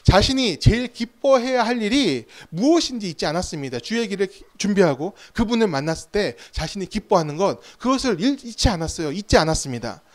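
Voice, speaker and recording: A man's voice: high-pitched, big pitch swings, a little fast, few pauses. A man preaching a sermon as pastor, telling stories with rhetorical questions and acted-out quotes.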